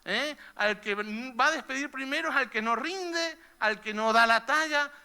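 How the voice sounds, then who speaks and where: Male pastor, very high, sharp, bright voice; chatty sermon full of "eh?" tags. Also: unhurried, smooth. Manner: conversational preaching, frequent "¿eh?" tags. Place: church hall.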